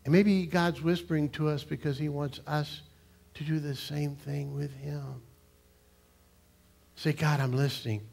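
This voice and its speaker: An older man, a pastor preaching a sermon in a church sanctuary, swinging between loud emphasis and hushed, near-whispered lines. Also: on the high side, flat delivery, a little slow, gravelly, long pauses. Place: church sanctuary, large room.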